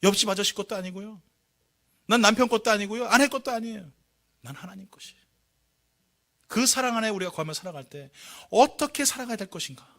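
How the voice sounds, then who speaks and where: A man with a high, bright voice preaches to his congregation from the pulpit. His delivery is animated, pushing up into loud, ringing calls before easing into slow, quiet lines. He coaxes the room along, inviting them to speak and respond. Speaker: pastor. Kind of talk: sermon. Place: church sanctuary.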